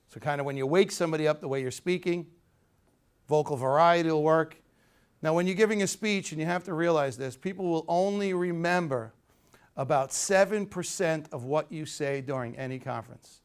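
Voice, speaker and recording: A man teaching public speaking at a live workshop, energetic and demonstrative, leading the group in call-and-response. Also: fairly high pitch, clean tone. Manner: demonstrative, acts out postures and tones.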